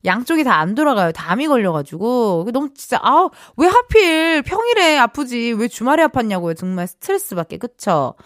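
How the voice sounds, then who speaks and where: Speaking at medium pitch, a young adult woman runs a studio radio show, very animated and brisk with hardly any pauses. She's bubbly and playful, chatting and reading listener texts in acted voices; the studio mic yields dry sound, no echo, and faint music underneath.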